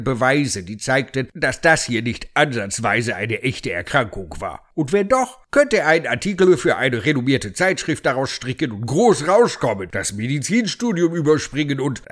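A man narrating an audio story in a dry, deadpan storytelling manner. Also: mid-range voice.

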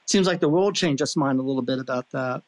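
A man's voice: medium pitch, fast talker, noisy background. A man hosting an interview podcast, asking rambling questions full of restarts and fillers. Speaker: podcast host. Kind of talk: casual interview chat.

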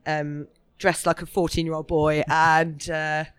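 A woman's voice: low voice, flat delivery, unhurried, clean tone, dry recording. A woman with a Birmingham accent and a cold, chatting casually in a talkative, self-deprecating way as a food blogger. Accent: Birmingham (Brummie). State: has a cold. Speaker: food blogger, interview guest. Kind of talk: casual chat.

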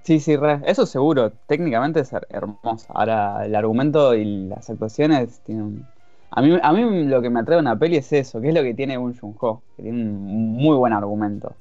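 A man's voice: medium pitch, normal speed, warm tone, no room sound. A man with an Argentine accent, a guest on a casual podcast, talking in a laid-back, jokey way. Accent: Argentine Spanish. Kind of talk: casual chat. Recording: dull lo-fi dry audio, faint music.

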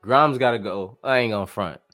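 A man co-hosting a casual basketball podcast, animated and slangy, laughing often. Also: lowish voice, brisk, soft background music. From New York area. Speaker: podcast co-host. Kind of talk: casual sports chat.

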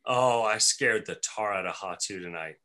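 A man's voice: lowish voice, moderate pace, bright, forceful tone. A man co-hosting a podcast, chatting loosely with fillers as he recaps a cartoon episode. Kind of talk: casual chat.

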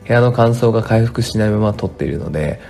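This fairly low-pitched, fast-talking man has a gravelly, darkish tone and lively intonation. A tax accountant, he runs a casual solo podcast from his home work room on a studio mic, rambling with lots of fillers while his morning voice sounds dry and strained.

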